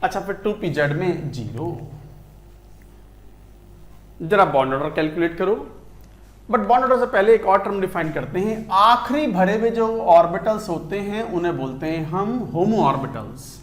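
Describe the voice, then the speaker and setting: Echoey, high-voiced Indian chemistry teacher. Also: male voice, expressive, moderate pace. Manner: counts aloud while writing on a board. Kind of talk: classroom lecture mixing Hindi and English.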